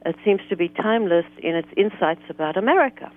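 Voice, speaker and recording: A woman from South Africa, a guest author speaking in an articulate, measured way during a political talk radio interview. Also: fairly low pitch, expressive. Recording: tinny phone line.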